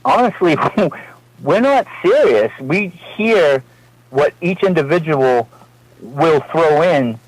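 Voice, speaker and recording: A man's voice: on the high side, expressive, slow pace, no echo, poor audio. Massachusetts man rambling, dry studio sound. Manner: rambling, laughs between phrases. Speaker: guest heavy metal singer. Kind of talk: casual radio interview.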